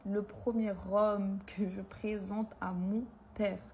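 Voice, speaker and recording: A woman's voice: medium pitch, level tone, takes it slowly, darkish tone, a little hiss or hum. A young woman telling her viewers an emotional story, hurt and angry as she talks. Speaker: content creator.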